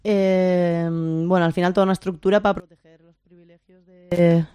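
A speaker of unclear sex with a Spain accent and a slight lisp, explaining informally and haltingly, often checking with short tag questions. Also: mid-range voice, little pitch movement, darkish tone, clear, resonant tone, dry recording. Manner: lisping, pronouncing s as th. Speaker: discussion leader.

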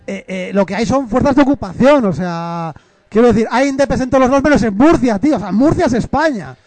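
A man's voice: very high-pitched, animated, brisk, a little mellow, dry recording. A man co-hosting a casual comedy chat, joking and rambling with many restarts. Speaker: co-host.

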